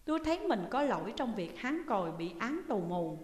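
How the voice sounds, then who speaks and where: A woman calmly narrating a first-person memoir as an audiobook reader. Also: on the high side, a little fast. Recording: echoey reverberant room.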